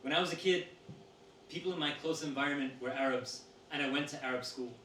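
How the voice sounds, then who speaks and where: A man reading a woman's interview answers aloud to an audience in a steady, measured voice. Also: on the high side. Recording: roomy sound from a distant mic with faint noise.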